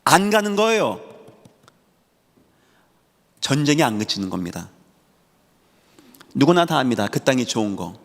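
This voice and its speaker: A male pastor delivering a sermon, preaching emphatically and swinging between loud high bursts and quiet low lines. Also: big pitch swings, unhurried, long pauses. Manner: emphatic preaching with sudden rises and drops in pitch and volume. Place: church sanctuary. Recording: long hall reverb in a church sanctuary.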